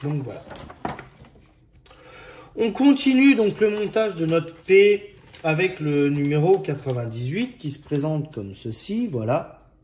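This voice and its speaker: Man hobbyist, slightly high voice, slow and halting, chatty walkthrough of kit parts. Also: a little mellow. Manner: hesitant, many fillers and restarts, chatty. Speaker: scale model hobbyist presenting kit issues. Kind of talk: casual hobby video narration.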